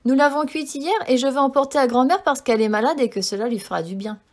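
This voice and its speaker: A woman reading a storybook and voicing a sweet, trusting little girl in a bright, eager voice. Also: high-pitched, fast. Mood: cheerful.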